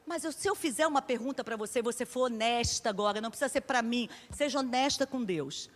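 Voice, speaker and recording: A woman's voice: a little high, fast, long reverb tail. A woman pastor with a Brazilian Portuguese accent preaching a sermon, telling stories in a conversational way and acting out the dialogue.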